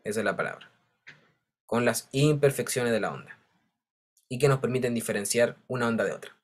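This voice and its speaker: A man's voice: mid-range voice, a little fast. Man, teacher, patient step-by-step explaining, frequent check-ins. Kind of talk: online class lecture.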